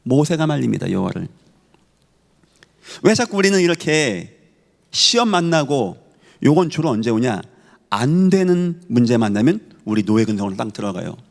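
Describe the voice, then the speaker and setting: A man's voice: mid-range voice, big pitch swings, normal speed, creaky, long pauses. A male pastor delivering an emphatic sermon, asking rhetorical questions and answering them. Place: church sanctuary. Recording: reverberant church hall.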